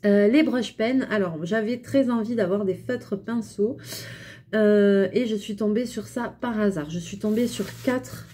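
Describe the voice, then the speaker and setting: A woman's voice: medium pitch, unhurried. A young French woman talking casually to camera while testing felt pens, with lots of fillers and hesitations. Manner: hesitant, many fillers, chatty and relaxed. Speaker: craft vlogger reviewing pens. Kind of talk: casual product review.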